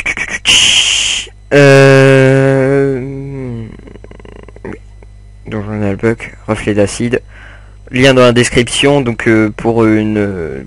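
A man's voice: mid-range voice, no echo. A young man giving casual, rambling commentary over his gameplay, full of fillers and asides to viewers. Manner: rambling, many fillers, chats to viewers while playing. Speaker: gamer commentating his play.

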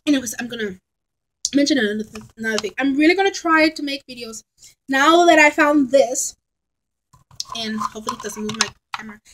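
Thirty-year-old woman, fairly high voice, chatty rambling vlogger at a close laptop webcam in a bedroom. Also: a little fast, a bit bright, a little hiss or hum, rough recording. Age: 30s. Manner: rambling, chatty, frank and exasperated. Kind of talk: casual rambling vlog. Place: bedroom at home, indoors. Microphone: laptop webcam at close range.

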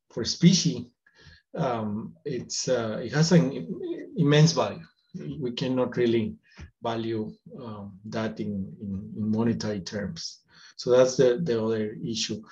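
A man in his thirties from Guatemala, a forest engineer and economist, giving a recorded talk at his desk in a measured way, with many fillers and restarts. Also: mid-range voice, darkish tone, muffled recording. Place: indoors, virtual background.

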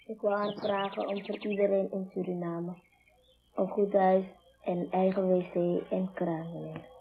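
Schoolgirl reading aloud, flat steady voice, tinny old film sound. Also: medium pitch, a little slow, vocal fry, husky.

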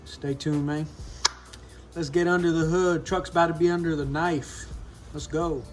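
Swaggering, slangy young man, slightly high voice. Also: fairly even intonation, moderate pace, music in the background. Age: 20s. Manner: swaggering, slangy, heavy swearing. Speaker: DIY car repair vlogger. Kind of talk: casual vlog chat to camera. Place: home garage with open door.

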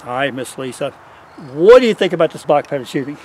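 Excitable male host, high and lively voice, hollering; outdoor noise. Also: quick pace, breathy edge. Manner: hollering, teasing, yells "boom" at hits. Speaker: host and shooting instructor. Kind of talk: excited shooting commentary. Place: outdoors at a shooting spot.

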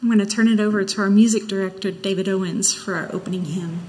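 A woman in middle age speaks from a church pulpit in a deliberate, measured way. Her voice carries a long reverb through the large room as she delivers announcements and readings. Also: medium pitch, steady tone, mellow. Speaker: minister leading a church service. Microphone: gooseneck pulpit microphone.

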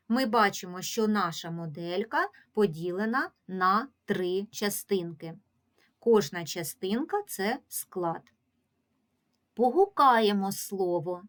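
Woman, primary teacher, phonics lesson, unhurried, drawn-out syllables, gentle calling of words. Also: mid-range voice. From Ukraine. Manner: stretches syllables and sounds out, calls words aloud. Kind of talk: slow, deliberate phonics lesson for young children.

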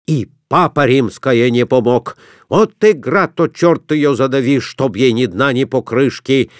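Man doing a loud stubborn merchant, folksy shouting, storybook reading, dry close sound. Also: mid-range voice, big pitch swings, a little slow, dry recording, pitched above the performer's own voice. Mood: rowdy.

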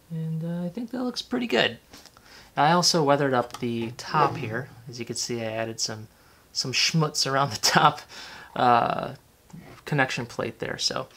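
A man casually talking through a hands-on model-building tutorial at his workbench, relaxed and chatty with lots of fillers. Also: medium pitch, vocal fry. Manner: relaxed and chatty, many fillers, self-correcting. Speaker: model railroad hobbyist host. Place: workbench indoors, off camera.

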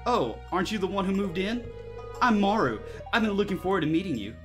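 An eager, friendly young woman from a farming video game, badly acted by a man. The voice is pushed up high and loud, with stilted, amateurish delivery over game music. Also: lively intonation, fast. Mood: eager, upbeat. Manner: amateurish bad acting, stilted put-on reading. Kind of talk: reading video game dialogue aloud.

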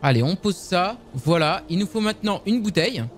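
A young man casually commenting on a survival game for his viewers, excitable and swearing often. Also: sits high, a little fast, soft background music. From France. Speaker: gaming youtuber.

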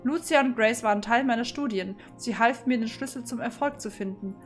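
A sinister old doctor who speaks with cold calculation, as a woman reads his lines. The voice sits a touch high and stays calm and measured. Faint game music plays underneath. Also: close to an everyday voice.

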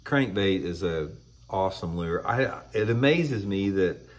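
Host, man, 50s, deep voice, blunt and opinionated, casual webcam talk from a tackle room. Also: expressive, a little slow. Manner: blunt, opinionated, clears throat often. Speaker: fishing channel host. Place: indoor room with shelves of tackle.

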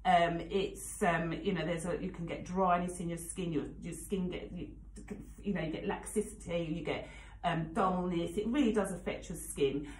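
A woman's voice: on the low side, fairly even intonation, normal speed, darkish tone, echoey room, a little hiss or hum, low-quality recording. A woman in her forties presenting on the radio, chatting frankly with plenty of fillers and asides. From England. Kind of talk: casual radio chat. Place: radio studio. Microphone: studio microphone.

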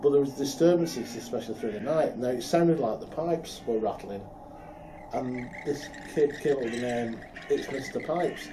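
A middle-aged man from the UK, chatting casually as a co-host and telling a story with animated laughs. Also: mid-range voice, moderate pace, background noise. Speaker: podcast co-host. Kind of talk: casual chat.

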